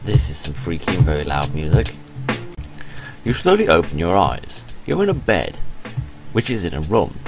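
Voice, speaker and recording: Here a man's low voice swings hugely in pitch at a moderate pace. Hosting a game playthrough, he performs a visual novel with playful theatrics and casual remarks, with game music in the background.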